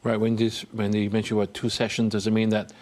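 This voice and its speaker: A man's voice: lowish voice, completely flat delivery, brisk, darkish tone. A man hosting a TV news interview, reading a scripted introduction and then asking questions with some hesitant fillers. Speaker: TV interview host.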